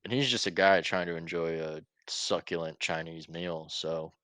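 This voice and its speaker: A man's voice: sits low, steady tone, moderate pace, a bit bright, dry recording. A young man hosting a casual podcast chat, laughing often and swearing loosely. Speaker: podcast host.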